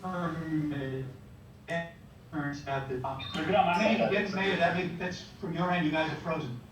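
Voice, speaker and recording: A man's voice: fairly high pitch, steady tone, takes it slowly, faint music behind. A man acting as municipal attorney, speaking formally to a public board over a remote video call that freezes and cuts out. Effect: remote video call audio that freezes and cuts out. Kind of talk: explaining a policy at a public board meeting. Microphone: computer mic on a video call. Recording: echoey, distant video call with faint noise.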